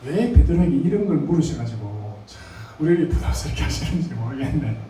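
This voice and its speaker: A man's voice: fairly high pitch, big pitch swings, a little fast, dark tone, slight background noise. Man preaching in an echoey hall. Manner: conversational preaching, asks the congregation questions. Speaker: pastor. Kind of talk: sermon. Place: church sanctuary. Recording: echoey church hall, mic at a distance.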